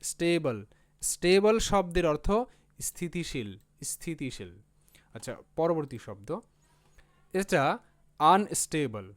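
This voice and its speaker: High, clear-voiced male teacher. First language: Bengali. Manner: explains patiently, spelling out letters and repeating words. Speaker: English teacher. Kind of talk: spelling lesson.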